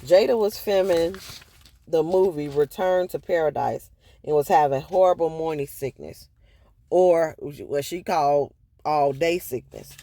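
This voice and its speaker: A man's voice: on the high side, a little slow, dark tone, no room sound. Chatty man recapping a book, dry sound. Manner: chatty, loose retelling with frequent laughs and asides. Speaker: book review vlogger.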